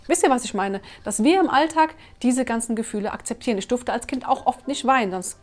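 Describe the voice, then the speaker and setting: Earnest, animated woman in her thirties, a parenting vlogger talking straight to camera. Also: a little high, a little fast, faint music behind. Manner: earnest, animated, acts out her own scolding. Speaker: parenting vlogger, mother of three. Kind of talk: casual talk to camera. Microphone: camera mic.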